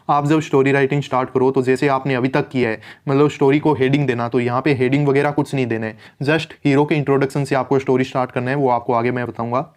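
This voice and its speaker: A man's voice: medium pitch, a little mellow. Man coaching in a conversational explainer. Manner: conversational, fillers and English terms mixed in; slows right down to read out English rules. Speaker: exam coach. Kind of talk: instructional explainer.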